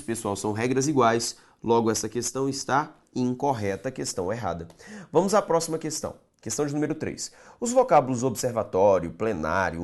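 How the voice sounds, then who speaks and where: Male grammar teacher, exam-prep lesson, animated pitch, stretched syllables, rhetorical questions.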